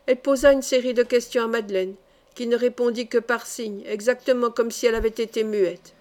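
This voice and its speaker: A woman reading a classic novel aloud as an audiobook, in a measured, even storytelling manner. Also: a little high. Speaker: audiobook reader. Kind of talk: scripted narration of a novel.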